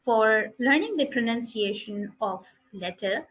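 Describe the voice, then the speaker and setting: A woman with an Indian English accent teaching a demo pronunciation lesson, speaking slowly and deliberately and repeating model words and sentences. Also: on the high side, expressive, slightly rough, lo-fi sound.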